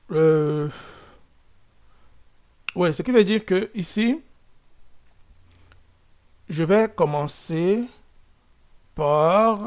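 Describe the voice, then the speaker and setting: A man walks through a coding tutorial at an unhurried pace, his voice sitting a little high. He thinks aloud as he works, restarting sentences and filling pauses, and keeps checking in with his viewers. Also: a little mellow. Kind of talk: screen-recorded coding lesson.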